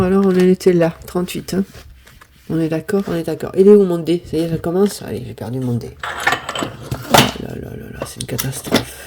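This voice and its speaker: A woman's voice: on the low side, noisy background. A woman in her fifties chatting casually at home as she sorts and counts her savings, apologizing often and exclaiming when pleased. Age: 50s. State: sniffling from pollen. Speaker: budgeting vlogger. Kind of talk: casual chat.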